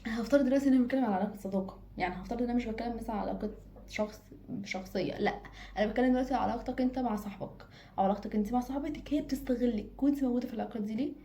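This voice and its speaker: A woman's voice: a little high, racing, mellow, slight background noise. A woman with an Egyptian Arabic accent giving casual advice straight to her own camera, emphatic and repeating phrases for stress. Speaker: advice vlogger. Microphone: self-filmed camera.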